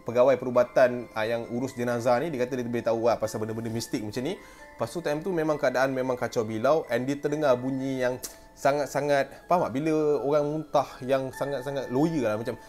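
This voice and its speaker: Man, Malaysian Malay accent, casual ghost-story host, animated, mid-pitched voice, faint music behind. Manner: animated, acts out sounds and voices.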